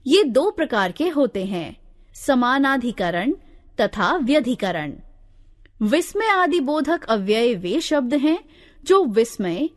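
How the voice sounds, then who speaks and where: Slow, lively-pitched woman teaching grammar. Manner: slow, deliberate listing of examples one by one. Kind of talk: scripted grammar lesson narration. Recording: long hall reverb.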